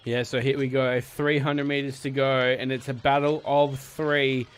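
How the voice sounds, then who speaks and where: A man giving live play-by-play sports commentary, building to excited calls at the finish. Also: medium pitch, unhurried, clean tone.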